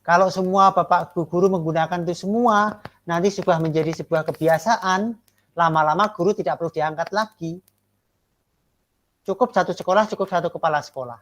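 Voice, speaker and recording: A man's voice: sits high, steady tone, fairly bright tone. Lecturing man. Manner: rhetorical, keeps asking "ya kan?" for agreement; slows and stresses key words. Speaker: teacher-training lecturer giving feedback. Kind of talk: classroom lecture and feedback.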